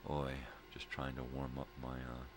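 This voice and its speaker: Extremely low-pitched and monotone at a normal speed, a middle-aged man rambles casually on his daily morning video log. He has a laid-back stoner drawl and a tendency to say things twice, and the recording has noticeable background noise.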